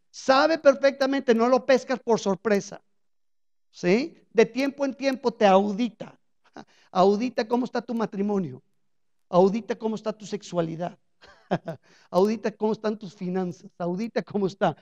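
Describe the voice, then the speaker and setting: A woman's voice: on the high side, a little mellow. A woman teaching a parable in a radio sermon, preaching conversationally and often checking in with her listeners. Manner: conversational preaching with frequent rhetorical check-ins. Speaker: Bible teacher on a radio program. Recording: dull lo-fi radio recording.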